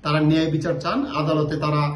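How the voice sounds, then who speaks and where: Male reporter, slightly high voice, halting live report full of fillers, roomy echo. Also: little pitch movement. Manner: halting, many filler sounds.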